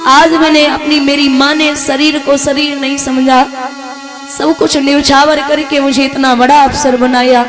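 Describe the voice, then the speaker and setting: A woman's voice: high voice, level tone, a little slow. Woman voicing a scornful young officer son. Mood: remorseful. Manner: harsh, dismissive. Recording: music playing behind.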